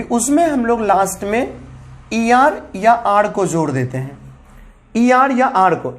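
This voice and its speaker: A woman with a fairly high voice teaches a grammar lesson in an explanatory, step-by-step way. She repeats each key term and spells words out letter by letter, calling her viewers guys. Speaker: English teacher.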